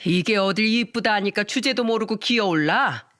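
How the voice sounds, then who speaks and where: A woman's voice: mid-range voice, lively intonation, moderate pace, fairly bright tone, natural voice. A woman voicing a haughty, contemptuous middle-aged future mother-in-law who scolds and sneers. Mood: scornful.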